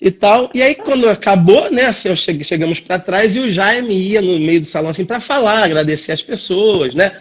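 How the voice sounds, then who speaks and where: Brazilian dance teacher guy on a live stream, fast talker, husky voice, does all the dialogue. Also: sits high. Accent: Brazilian Portuguese. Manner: animated, acts out quoted dialogue. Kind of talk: casual storytelling on a livestream. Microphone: phone or computer on a live video stream.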